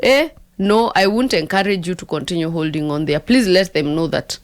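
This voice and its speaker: A Kenyan woman with a fairly low voice talks through advice in a conversational way. She slips between English and Swahili and repeats phrases to drive a point home. The sound is close and dry. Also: moderate pace, no echo. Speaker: talk show host giving relationship advice.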